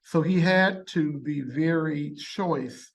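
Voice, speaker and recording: A man reflecting in an unscripted interview, speaking in deliberate, halting phrases with pauses. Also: on the high side. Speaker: interviewed commentator.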